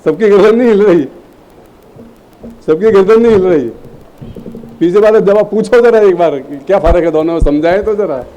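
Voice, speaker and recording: A man with a high but mellow voice teaches a room of students, firing questions at them and nudging them to answer. He talks in a lively, prodding way and acts out how a sentence sounds. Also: moderate pace, pauses often, lo-fi sound, soft background music. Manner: lively, prodding, demonstrates phrasing aloud. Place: classroom at a training camp.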